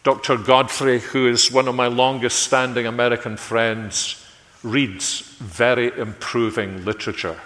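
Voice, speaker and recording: A man preaching a sermon in a measured way, letting his phrases fall away quietly at their ends. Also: medium pitch, level tone. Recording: long hall reverb.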